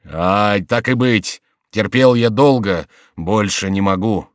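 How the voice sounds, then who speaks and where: A man's voice: lowish voice, slow pace, no room sound, studio quality. A man voicing a frightened male monk who answers evasively and pleads under threat. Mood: pleading.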